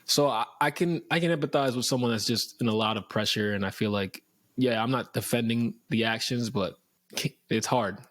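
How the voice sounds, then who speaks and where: A man's voice: medium pitch, normal speed, a bit bright. A young man co-hosting a casual basketball podcast, easygoing and slangy, laughing often. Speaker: podcast co-host. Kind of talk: casual sports chat.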